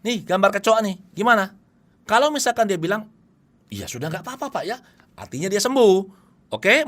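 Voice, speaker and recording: This is a middle-aged man giving a lecture on therapy technique, his voice sitting a little high. He is animated, with a pitch that rises and falls sharply as he slips into the voices of his clients. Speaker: hypnotherapy instructor. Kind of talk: lecture presentation.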